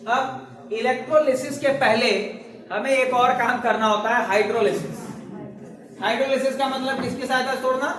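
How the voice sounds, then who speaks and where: A male chemistry teacher lecturing a classroom with lively energy, joking with students and asking whether they follow. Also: extremely high pitch, normal speed. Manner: energetic, jokey, asks the class checking questions. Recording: echoey classroom from far off with student chatter.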